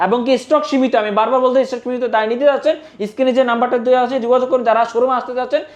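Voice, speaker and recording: A Bangladeshi salesperson giving a hard-sell promotional pitch for products in an insistent, repetitive, urging manner. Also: little pitch movement, rapid-fire, lo-fi sound. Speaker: phone shop salesperson.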